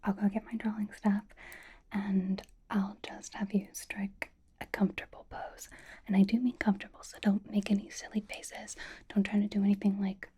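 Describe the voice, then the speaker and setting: A woman's voice: mid-range voice, completely flat delivery, moderate pace, mellow, breathy edge. A woman whispering a roleplay monologue to the listener in a library, teasing and blunt.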